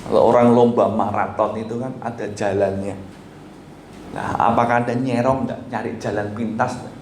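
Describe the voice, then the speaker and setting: A man's voice: lowish voice, steady tone, normal speed, darkish tone, a little hiss or hum. Man preaching in a roomy church. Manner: rhetorical questions answered by himself; colloquial, conversational preaching. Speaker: pastor. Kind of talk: sermon. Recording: roomy church hall echo.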